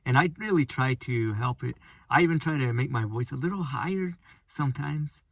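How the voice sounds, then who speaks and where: A man hosting a casual solo podcast, speaking in a flat, monotone voice and rambling with frequent restarts. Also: medium pitch, moderate pace, gravelly, no echo. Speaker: podcast host.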